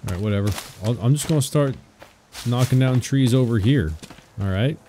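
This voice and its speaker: A man's voice: normal speed, very noisy. A man hosting a gaming video, talking casually to himself and his viewers as he plays. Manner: chatty, talks to himself and the viewers while playing; gets loud and high when excited. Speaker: gaming channel host. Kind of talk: casual gameplay commentary. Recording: game music and rain sounds behind the voice.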